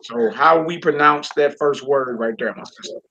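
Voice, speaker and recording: A man's voice: mid-range voice, moderate pace, pushed and bright, lo-fi sound. A man teaching a Hebrew reading lesson, encouraging his student and repeating words and phrases.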